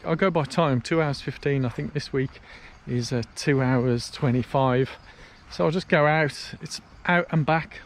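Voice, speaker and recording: A British man with a slightly high voice records a casual walk-and-talk vlog. He chats in a storytelling way out in the open, with faint outdoor ambience and traffic noise behind him. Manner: chatty storytelling while walking outdoors. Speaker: vlogger. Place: outdoors on a canal path.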